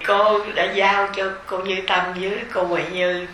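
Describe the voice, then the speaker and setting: Giving a dharma talk to retreat participants, a middle-aged woman with a Southern Vietnamese accent speaks in a medium-pitched, flat way that's still bright and clear. She talks gently and slowly, with soft fillers like natural conversation, while a reverberant hall adds faint ambience and slight background noise.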